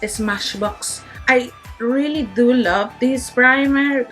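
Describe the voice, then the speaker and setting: A woman's voice: high voice, takes it slowly, fairly bright tone, faint music behind. A tipsy woman with a Spanish accent hosts a casual makeup tutorial, rambling in a giggly drunk way. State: tipsy from shots.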